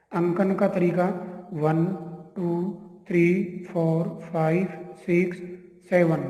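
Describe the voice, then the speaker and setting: A man gives a slow, patient chemistry lesson. He counts through each carbon aloud and explains every step. His voice rings in an echoey room with a long tail of reverb. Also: high-pitched, a little mellow. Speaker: chemistry teacher.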